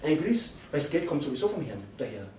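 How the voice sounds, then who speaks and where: A man preaching a live church sermon, emphatic and repetitive, with sudden loud bursts. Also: on the high side, very animated, quick pace, a little hiss or hum. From Austria. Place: church hall. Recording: echoey hall, mic from far off.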